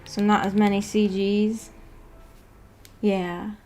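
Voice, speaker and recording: Slow and dark-toned, her mid-range voice barely shifts in pitch as this streamer talks through her book club chat, reading and responding to comments. She rambles and fixes her words as she goes. She's indoors upstairs at home, with slight background noise.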